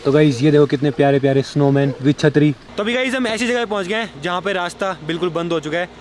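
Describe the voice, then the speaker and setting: A young man talks to his viewers in a casual travel vlog, rattling along at a fast clip. His voice sits a touch high for a man, and he sounds chatty and excitable throughout. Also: soft background music. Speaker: travel vlogger.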